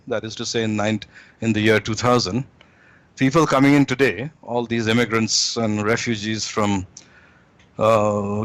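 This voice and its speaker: A man speaking as an interview guest, holding forth in a measured, deliberate lecturing way, often pausing on fillers. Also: mid-range voice, a bit bright, no room sound. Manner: measured, deliberate, with frequent hesitations. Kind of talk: lecturing commentary.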